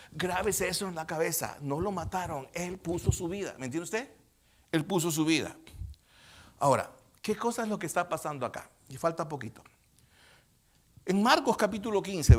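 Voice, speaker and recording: A male pastor preaching a sermon emphatically, often asking his congregation whether they understand, swinging from quiet to near shouting. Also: a little high. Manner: asks the congregation questions often.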